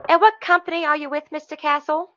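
An actress playing a smug, obstructive office receptionist who talks in an officious, condescending way in a comedic short film. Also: female voice, high voice, flat delivery, highs cut off, over music, lightly acted. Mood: haughty, officious. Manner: officious, condescending, deliberately obtuse.

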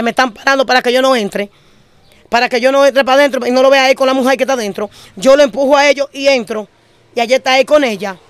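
Originally from the Dominican Republic and now living in Spain, a woman pastor with a Dominican Spanish accent tells her emotional testimony quickly, often repeating phrases in short bursts. Her voice sits high and sounds clean and crisp, captured close and dry without any room echo.

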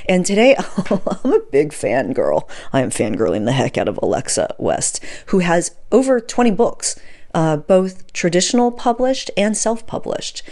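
A middle-aged woman hosts a podcast from an indoor room at home, giving an enthusiastic, informal intro and casual interview. Her voice is low-leaning and dark, very animated yet unhurried. She speaks close to a desk microphone fitted with a fluffy windscreen.

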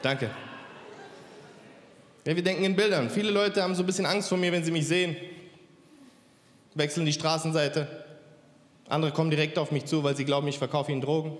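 A man's voice: a little high, steady tone, brisk, pauses often. A man in his thirties doing stand-up on a big indoor stage with a handheld mic, teasing the crowd in a cocky way. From Germany. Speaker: stand-up comedian. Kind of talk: stand-up comedy. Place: large indoor stage with audience. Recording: roomy hall with long reverb, faint ambience.

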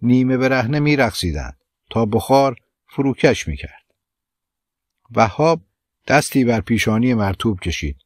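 Man narrating a novel, measured steady reading, middle pitch, dry close mic. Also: dry recording. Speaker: audiobook narrator. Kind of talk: scripted literary narration.

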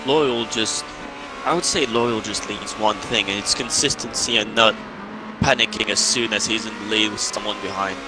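A man's voice: on the low side, fairly even intonation, normal speed, noisy background. A man co-commentating live on an online car race, adding observations and driver analysis like a motorsport commentator.

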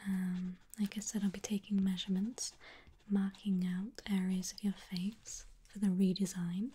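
A woman's voice: mid-range voice, little pitch movement, moderate pace, mellow, husky. A young woman whispering an ASMR roleplay as a reassuring pre-surgery nurse, with hesitant ums. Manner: reassuring, clinical.

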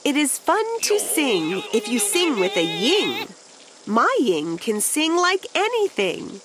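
Woman reading rhymes, very lively pitch. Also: a crowd in the background. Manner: expressive, deliberate storytelling for children. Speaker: children's book reader. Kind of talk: read-along picture book narration, rhyming verse.

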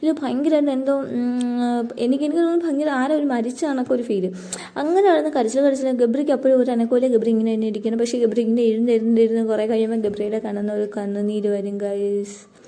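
A woman's voice: fairly high pitch, fairly even intonation, fast talker, dark tone. A woman casually recapping a reality show episode for her viewers, chatty and full of fillers. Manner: chatty, addresses viewers as guys, many fillers.

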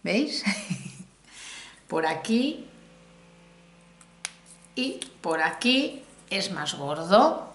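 A woman's voice: mid-range voice, very animated, extremely slow, long pauses. A middle-aged woman from Spain with a Spanish accent, chatting casually to viewers as she reviews a makeup haul, exclamatory and talking straight to the camera. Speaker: beauty vlogger. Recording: echoey room, faint noise.

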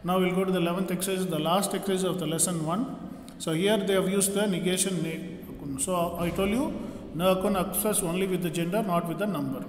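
High-pitched man teaching in echo. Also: steady tone, fairly quick, a little hiss or hum. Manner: instructional, explaining step by step. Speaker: French teacher. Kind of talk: classroom grammar lesson. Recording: echoey room with long reverb.

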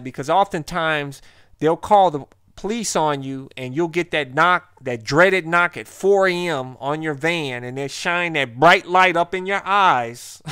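A man's voice: a little high, a bit bright, clean tone, no room sound, clean studio sound. An American man vlogging casually and bluntly, talking straight to viewers in informal language. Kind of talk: casual vlog monologue.

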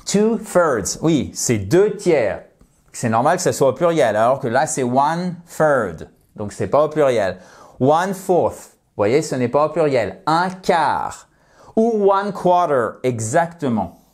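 A man teaching English pronunciation in an online lesson, talking viewers through examples and drawing out each English word slowly and clearly. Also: medium pitch, sing-song, darkish tone. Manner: slows down and exaggerates English words for pronunciation; encouraging, addresses viewers directly.

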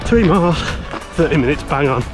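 A man's voice: fairly high pitch, expressive, fairly quick. An English man in his forties chatting casually to his camera while running outdoors, a little out of breath. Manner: talking while running, exerted. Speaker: running vlogger. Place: outdoors on paths during a road race. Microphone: action camera at arm's length. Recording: outdoor action-camera audio with loud music. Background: loud music, outdoor traffic sounds.

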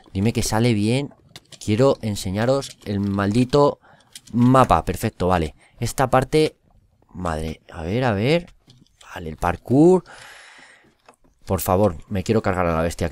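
A fairly low-voiced man from commentates his own gameplay live. He talks in an excitable rush, repeating short phrases over and over and jumping from shouts down to mutters. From Spain. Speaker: gaming YouTuber.

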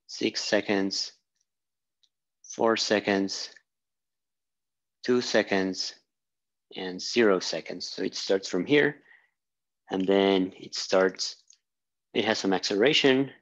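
With a fairly low voice, a physics instructor talks slowly and pauses often while drawing on a whiteboard in a small room, thinking aloud with fillers and restarts. The audio is dull.

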